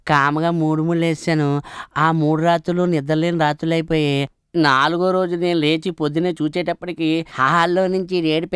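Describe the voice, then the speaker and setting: A man's voice: on the high side, clear, resonant tone, no echo, studio quality, close to an everyday voice. An actor playing a henpecked office clerk who ruefully tells his story, in a comedy film. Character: henpecked, hapless office clerk and former womanizer. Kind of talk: Telugu comedy film acting.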